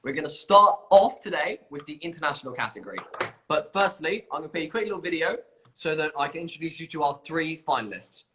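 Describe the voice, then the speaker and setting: A man hosts an informal live competition stream, chatty and self-deprecating as he bumbles through presenting. His voice is a little high, animated and fast, with a noisy background behind him.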